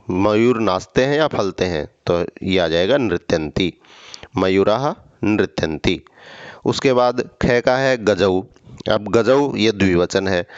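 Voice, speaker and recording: A man's voice: lowish voice, clear, resonant tone, no echo, muffled recording. A man teaching a school lesson, reading each line and then explaining it patiently, step by step.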